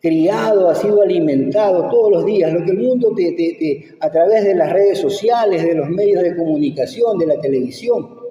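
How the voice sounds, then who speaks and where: Preacher in an echoey hall, very mellow tone. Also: male voice, high voice, moderate pace, dull audio. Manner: emphatic, repeats phrases, asks rhetorical "¿no?". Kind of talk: sermon. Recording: echoey church hall, from far off.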